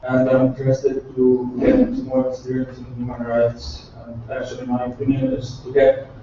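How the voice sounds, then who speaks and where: A man from Egypt, a junior judge, introducing himself haltingly to a group, heard from a distant mic in an echoey room. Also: medium pitch, monotone, warm tone, dull audio, a little hiss or hum. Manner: halting, searching for words. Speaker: junior judge, course participant. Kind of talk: self-introduction.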